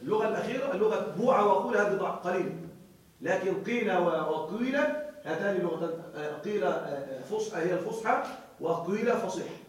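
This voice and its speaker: A man teaching a grammar class, explaining slowly, repeating key words and checking that students follow. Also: sits high, expressive. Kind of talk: classroom lecture. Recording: very echoey room, voice far from mic.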